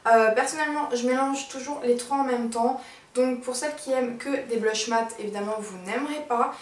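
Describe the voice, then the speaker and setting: A woman beauty vlogger chatting casually and enthusiastically about her monthly favorite products, pausing often with fillers. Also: a little high. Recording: roomy sound from a distance.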